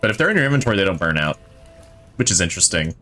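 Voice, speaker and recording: A male streamer with a fairly low voice that swings widely in pitch as he talks. He rambles through casual gameplay commentary, thinking aloud and gushing with enthusiasm. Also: big pitch swings, rapid-fire, bright, forceful tone, soft background music. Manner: enthusiastic about the game.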